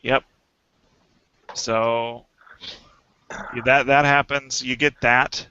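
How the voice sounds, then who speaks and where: A man running a tabletop game as game master, relaxed and laughing as he looks up the rules. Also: mid-range voice, drawn-out words, clean tone, no echo. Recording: dull lo-fi home recording.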